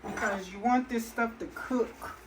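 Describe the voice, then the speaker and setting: A woman's voice: fairly high pitch, a little slow, heavy background noise. A woman hosting a casual cooking demonstration, chatting to viewers in a homey way with lots of ums and restarts as she stirs a pot. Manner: talks to viewers while stirring and adding ingredients. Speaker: cooking channel host. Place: kitchen. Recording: kitchen clatter of pots and water.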